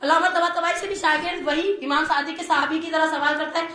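A woman's voice: sits high, fairly even intonation, brisk, bright, forceful tone. A woman delivering a religious sermon, telling stories with quoted dialogue and touches of humor. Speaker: religious preacher. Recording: very echoey hall.

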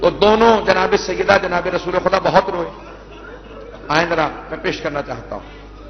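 A man's voice: sits high, roomy sound, big-room sound. Fervent male preacher, lo-fi sound. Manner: dramatic storytelling, swelling into loud fervor. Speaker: religious preacher reciting a mourning narrative. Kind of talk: sermon recitation. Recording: dull lo-fi sound.

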